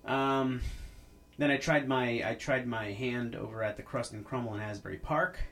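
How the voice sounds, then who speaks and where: A man in his 30s hosts a podcast as a casual, rambling monologue, full of restarts and fillers. His voice is medium-pitched and a bit bright, at a moderate pace.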